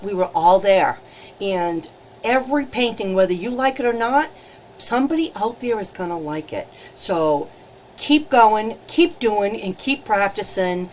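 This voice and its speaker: A bubbly, chatty woman talks viewers through a live painting session, and she laughs often. Her voice swings up and down a lot as she greets people and explains her supplies. It sits at an ordinary middle pitch. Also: slight background noise. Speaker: alcohol ink painting host. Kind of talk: casual live-stream painting demo.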